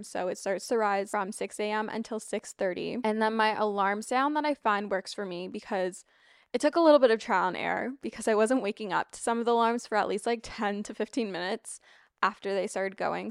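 A young woman talks casually, like a lifestyle vlogger, and drifts into informal asides. Her voice is clean and smooth with a noticeable vocal fry and slight rasp, recorded close and dry at an average pitch. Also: no echo. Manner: informal, frequent asides and digressions. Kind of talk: casual, chatty spoken routine rundown. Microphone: close microphone, wearing wired headphones.

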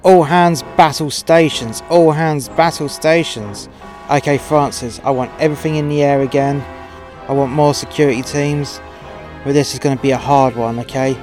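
A man's voice: mid-range voice, flat delivery, a little fast, natural voice. Man playing a cocky starship captain over music. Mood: commanding. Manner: informal, sweary, commanding. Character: gung-ho male starship captain, foul-mouthed, reckless and cocky. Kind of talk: audio drama acting. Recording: loud music behind the voice.

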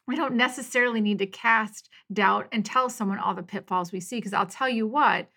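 A middle-aged woman of medium pitch and moderate pace runs her own casual podcast, talking through a personal story alone. Her storytelling is warm and encouraging, with lively impressions of the people she quotes.

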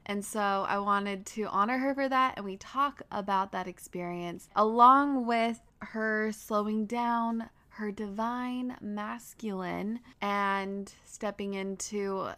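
A woman's voice: mid-range voice, slow pace, few pauses, sharp tone. Stuffy-nosed woman hosting a podcast. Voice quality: stuffy nose, congested from a cold. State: getting over a cold, stuffy. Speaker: podcast host. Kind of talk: scripted-feeling podcast intro, casual chat.

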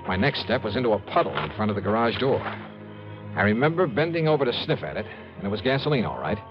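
An actor playing a hard-boiled private investigator, tense and clipped with wry asides, in a 1950s radio detective drama. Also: male voice, on the low side, very animated, quick pace. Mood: suspenseful. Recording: dull vintage radio broadcast with music.

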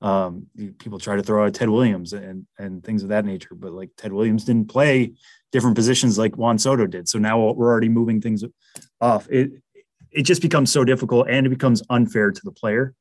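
Guest analyst, male, Massachusetts accent, chatty and restarting sentences, lower register, dry mic. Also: fairly even intonation, brisk, darkish tone, dry recording. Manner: chatty, frequent fillers and restarts. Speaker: baseball prospect analyst. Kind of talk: casual podcast interview.

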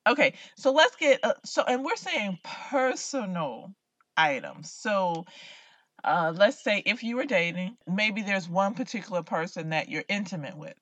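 Female co-host, teasing and probing, mid-pitch, dry close sound. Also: expressive, measured pace, fairly bright tone, dry recording, dull audio. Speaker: podcast co-host. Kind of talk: casual opinion chat.

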